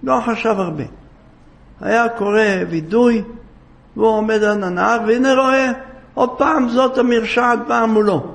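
Gravelly high-voiced male storyteller. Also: steady tone. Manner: dramatic, repetitive phrasing. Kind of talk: religious storytelling.

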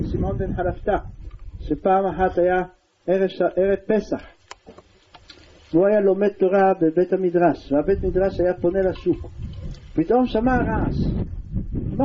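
A male religious teacher giving a storytelling Torah lesson, his voice pitched high for a man. He narrates with animated retelling. The recording sounds dull and lo-fi, with faint background hiss. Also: long pauses.

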